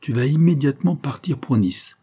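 A man's voice: lowish voice, normal speed, warm tone, slightly rough. A man reading aloud and voicing a scheming, ruthless female adventurer with commanding, triumphant speech and hissed asides. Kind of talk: audiobook character reading.

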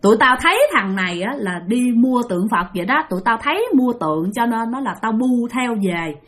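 Woman voicing shrill threatening ghost soldiers, Southern Vietnamese accent, storytelling. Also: lively intonation, fairly quick, fairly bright tone. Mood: demanding. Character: angry male ghosts of dead soldiers possessing someone.

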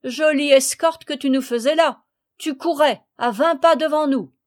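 A woman reading the part of a lively young girl who mocks and laughs at a boy. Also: high-pitched, normal speed, pitched above the performer's own voice, lightly acted. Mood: teasing. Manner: mocking, laughing.

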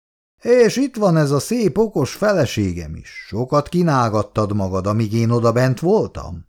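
A man reading a story aloud and voicing a drunk, bullying middle-aged father who shouts gruffly and slurs his slow words. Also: fairly low pitch, sing-song. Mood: shouting.

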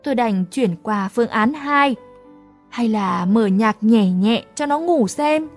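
A woman narrating a first-person story in a lively, exasperated comic tone. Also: fairly high pitch, takes it slowly, faint music behind. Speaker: audiobook narrator.

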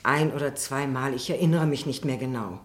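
On the witness stand in a German radio courtroom drama, an actress plays a prim, defensive neighbour who is guarded, indignant and reluctant. Her female voice rumbles low, and she speaks a little fast.

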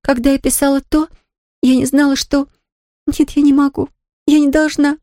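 Lady putting on a shaky high young girl, teary and begging, dry close sound. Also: little pitch movement, moderate pace, mellow, no room sound, natural voice. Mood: distraught. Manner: trembling, breathless pleading. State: near tears. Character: young woman, tearful, pleading fiancée.

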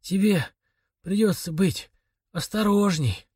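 A man voicing a dying, broken father who speaks in a weak, raspy whisper. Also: sits high, takes it slowly, a little mellow, no room sound, clean studio sound, pitched above the performer's own voice, heavily acted. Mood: weak, pleading.

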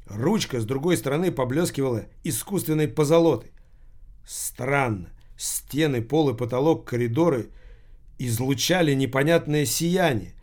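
A man narrating a crime novel audiobook in a steady, measured reading voice. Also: mid-range voice.

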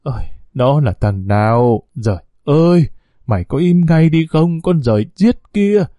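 A man's voice: medium pitch, very animated, moderate pace, warm tone, no echo, lo-fi sound, natural voice. A man voicing an elderly village mother who wails and scolds her pregnant daughter. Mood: scolding. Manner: wailing, scolding.

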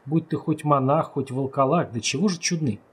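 A man reading a story aloud as narrator, steady and measured, lightly voicing the characters' lines. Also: on the high side, slightly rough. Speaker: audiobook narrator. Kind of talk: scripted narration.

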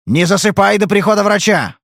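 A man's voice: medium pitch, animated, measured pace, no echo, studio quality. A man voicing a tough detective who barks short, clipped orders in an audiobook. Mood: harsh commanding. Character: tough male detective, commanding and blunt. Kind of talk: audiobook character reading.

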